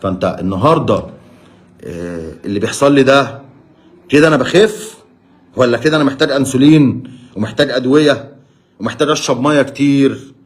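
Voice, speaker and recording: A man's voice: mid-range voice, a little fast, long pauses. A man with an Egyptian Arabic accent, a diabetic patient filming himself on a phone, talking straight to camera and pleading with a string of rhetorical questions. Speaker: diabetic patient sharing his experience. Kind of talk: emotional direct-to-camera monologue.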